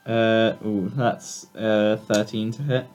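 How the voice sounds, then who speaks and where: A man's voice: on the low side, fairly even intonation, slow pace, a little mellow, clear, resonant tone. A man playing a tabletop game, casually talking through his turns and dice rolls. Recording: music behind the voice.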